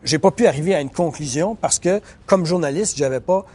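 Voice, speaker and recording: Journalist, male, warm and mellow, halting explanatory interview delivery. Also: on the high side, husky. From Quebec, Canada. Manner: hesitant, many fillers and restarts. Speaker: journalist and biographer. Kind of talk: recorded interview, thoughtful explanation.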